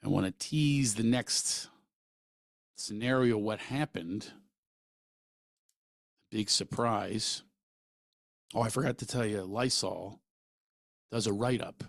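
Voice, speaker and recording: A middle-aged man from Pennsylvania hosting a podcast, telling stories in an animated, rambling way full of asides. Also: on the low side, a little slow, creaky, no room sound. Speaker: podcast host, comedian. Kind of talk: storytelling monologue.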